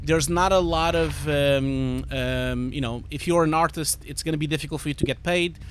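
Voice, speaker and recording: The voice is fairly high and moderately paced, with a little background noise underneath. It belongs to a roughly forty-year-old Portuguese livestream host and visual effects artist who plays games, chats with viewers, drifts from topic to topic, and curses casually in his Portuguese accent.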